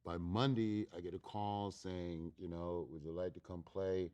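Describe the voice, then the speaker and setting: A man, an actor being interviewed, telling a casual and animated anecdote. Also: deep voice, a little slow, clean tone.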